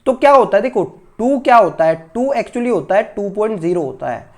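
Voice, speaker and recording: A man's voice: high voice, very animated, fairly quick, a little mellow. A male school teacher giving an online maths lesson to children, patient and repetitive, often checking that his pupils have understood. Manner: addresses pupils fondly as children. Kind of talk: online class lecture for children.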